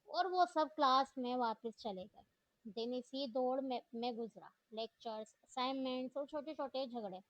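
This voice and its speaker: A woman reading a novel aloud in a steady storytelling voice. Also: on the high side, dry recording. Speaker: narrator. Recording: dull dry lo-fi recording.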